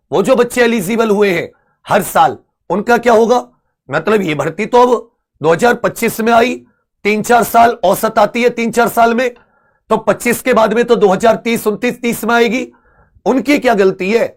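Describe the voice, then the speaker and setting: High-voiced earnest coaching teacher, man. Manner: earnest, persuasive, addresses students as friends. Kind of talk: animated exam-prep video lesson.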